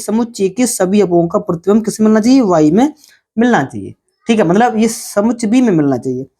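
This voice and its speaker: A woman's voice: mid-range voice, warm tone. A woman maths teacher explaining a lesson to her students, often checking in with short tag questions and drawing out key words for emphasis. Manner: repetitive, checks in with "ठीक है" and "है ना".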